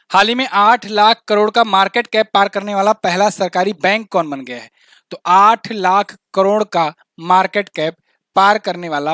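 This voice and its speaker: A man's voice: high-pitched, fairly bright tone, no echo, studio quality. A man teaching an exam-prep current affairs quiz lesson, chatty, repeating key facts and adding little jokes. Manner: repeats key facts, says "ठीक है ना" often.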